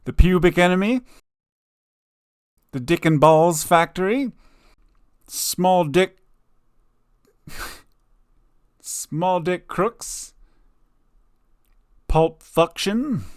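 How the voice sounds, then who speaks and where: A man casually commentating a game he plays, joking and trading in slow, deliberate punchlines. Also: fairly high pitch, smooth, no echo, studio quality. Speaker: gaming video host. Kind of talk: casual let's-play commentary.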